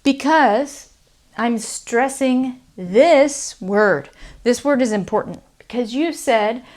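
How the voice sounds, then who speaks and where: A woman's voice: a little high, slow pace, a little mellow. A woman with a standard American accent teaching English pronunciation in a conversational, explanatory way, often checking in with the listener. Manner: explanatory, often checks understanding with "okay?" and "right?". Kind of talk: conversational video lesson.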